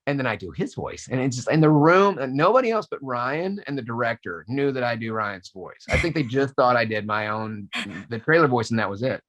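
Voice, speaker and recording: A man's voice: medium pitch, brisk, hardly any pauses. A man in his forties, a voice actor, telling stories in a casual interview, full of restarts and acting out what people said. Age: 40s. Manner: animated storyteller, acts out quotes, many restarts. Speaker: voice actor guest.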